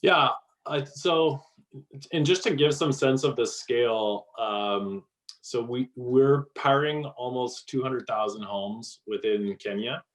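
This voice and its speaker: A man's voice: medium pitch, takes it slowly, low-quality recording. A man answering interview questions about his company in a casual way, with many fillers and restarts. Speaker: guest, company co-founder.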